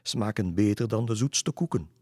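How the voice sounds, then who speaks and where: Male narrator as a calm, contented farmer, low and slightly husky. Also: normal speed, no echo, clean studio sound. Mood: praising. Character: contented farmer bent over his lettuce.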